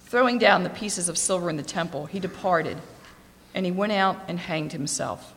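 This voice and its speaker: A woman reading scripture aloud in a steady, clear voice. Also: fairly low pitch, moderate pace, a little hiss or hum. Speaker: scripture reader. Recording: long echoing reverb.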